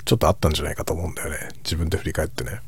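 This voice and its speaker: A middle-aged man chatting casually in a hushed, soft voice, musing reflectively as if for late-night listening. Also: steady tone. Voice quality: husky, breathy low voice. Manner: reflective, musing, unhurried soft-spoken delivery. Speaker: host of a late-night chat for falling asleep.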